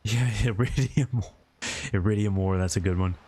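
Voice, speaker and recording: A man's voice: on the low side, moderate pace, warm tone, breathy edge, no room sound. A man talking informally and ramblingly as he hosts a game livestream and answers his viewers' chat. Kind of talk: casual gaming stream commentary, answering viewer chat.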